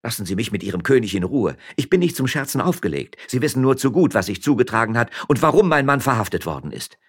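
Man doing a fiery miller's wife, proud and indignant, voice lifted up high. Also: sing-song, fast talker, husky.

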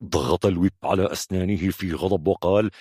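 A man narrating a thriller audiobook with a husky voice and dramatic delivery. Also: low voice, fairly even intonation, fast, warm tone, no echo, clean studio sound. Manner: dramatic, varied storytelling delivery.

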